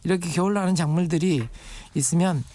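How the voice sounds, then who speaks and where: A man's voice: fairly high pitch, fairly quick, mellow, a little hiss or hum. A man on a radio show, a guest expert on urban farming, explaining patiently with everyday comparisons. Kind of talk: radio interview.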